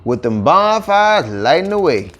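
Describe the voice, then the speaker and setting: An audiobook narrator with a Cajun accent tells a children's story in a folksy, colloquial style with animated dialect delivery. His voice is on the high side and a little slow.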